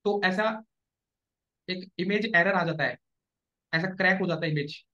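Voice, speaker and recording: A man's voice: high-pitched, fairly bright tone. A man, teaching a live class and checking often that students follow. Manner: explanatory, checks understanding often. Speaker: SEO trainer. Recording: dull lo-fi classroom recording.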